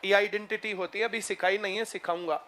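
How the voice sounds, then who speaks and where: A man's voice: high voice, fairly even intonation, fast talker, sharp tone. A male math teacher lecturing a classroom, constantly asking students if they understood. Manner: drills students with repeated checking questions. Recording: noisy classroom with crowd murmur.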